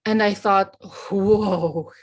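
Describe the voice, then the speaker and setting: A woman's voice: medium pitch, fairly even intonation, drawn-out words. A middle-aged woman from Romania, a professor, telling her story as a guest in an outgoing, boisterous way. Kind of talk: casual interview chat.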